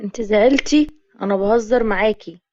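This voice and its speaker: Woman doing a hurt egyptian guy in hiding, dry teasing, mellow dark tone, muffled lo-fi sound. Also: mid-range voice, brisk, no room sound, natural voice. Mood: calm. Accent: Egyptian Arabic. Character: wounded 32-year-old man hiding out, wry and proud. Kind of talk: dramatized story reading. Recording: muffled lo-fi recording.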